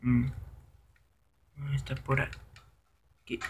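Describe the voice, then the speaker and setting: A man giving casual live commentary over his own gameplay, excitable and prone to high shouts when things go wrong. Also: drawn-out words, slight background noise.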